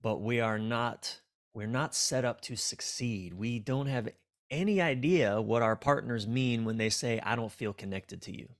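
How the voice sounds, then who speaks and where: An American man in his forties, a relationship coach appearing as a podcast guest, talks frankly and casually in a candid interview, reflective and quick to swear. His mid-range voice moves at a measured pace. He's on a video call from a small, dim room indoors.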